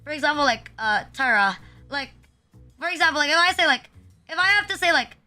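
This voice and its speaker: Over faint background music, a young VTuber streamer from the Philippines talks with a high-pitched, expressive, bright and forceful voice at a fairly quick pace. Her casual chat rambles, packed with fillers and frequent swearing.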